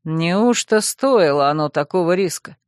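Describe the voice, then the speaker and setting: A woman's voice: on the low side, animated, unhurried, dry recording, clean studio sound. A woman voicing a brooding, proud young male warrior in an audiobook reading. He asks direct, probing questions.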